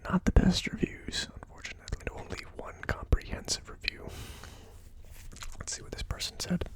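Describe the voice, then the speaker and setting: In a tasting video, the host murmurs notes in a soft, breathy ASMR whisper with no voicing. The delivery is slow and casual, each word listed one at a time as they type.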